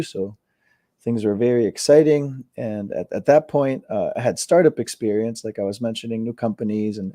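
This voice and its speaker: A Costa Rican man in his thirties chats casually as an interview guest, relaxed and full of fillers and repeated words. His voice is lowish, captured at studio quality with no room sound.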